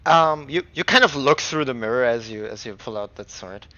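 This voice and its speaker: A man's voice: medium pitch, animated, moderate pace, bright, forceful tone, dry recording. A man narrating as a tabletop game master, hesitant, trailing off with many fillers. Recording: dull lo-fi mic.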